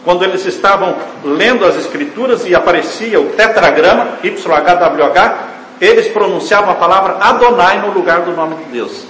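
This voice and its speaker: A man preaches from the pulpit, pressing hard on certain words before sinking into quiet, low phrases. His voice sits a little high. The sound carries a long hall reverb with a faint hum of ambience behind it. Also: a little fast, few pauses. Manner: emphatic preaching, swings from loud stressed words to hushed low phrases; addresses the congregation as dear ones. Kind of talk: sermon. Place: church hall.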